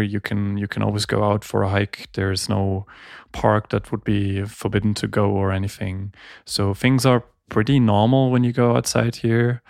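German guy being interviewed, calm measured talk, bit low and gravelly. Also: no room sound, clean studio sound. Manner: calm, measured, thinks aloud with ums. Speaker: guest, audio engineer.

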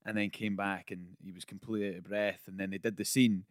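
A man's voice: low voice, flat delivery, quick pace, dry recording, studio quality. A man on a casual podcast, explaining things at length through long anecdotes. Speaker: podcast co-host.

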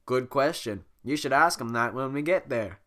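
A gruff, unbothered ogre, voiced by a hoarse reader. Short, blunt lines with a forceful, bright tone. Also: medium pitch, animated, moderate pace. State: sick, hoarse throat.

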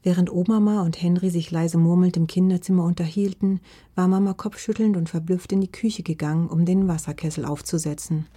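A woman with a husky voice narrating a children's story in a calm, gentle manner. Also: lowish voice, fairly quick.

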